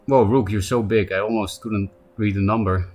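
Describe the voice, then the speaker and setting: With a fairly low, steady, somewhat mellow voice, a Polish-accented man plays a card game on a live stream. He chats loosely, answers people in chat by name, and makes quick asides.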